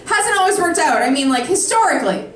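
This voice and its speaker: She sounds high-pitched and sing-song, fairly quick and a bit bright, far from the mic. The woman, in her thirties, performs a brash, sarcastic set at a comedy club, the echoey room filled with audience laughter.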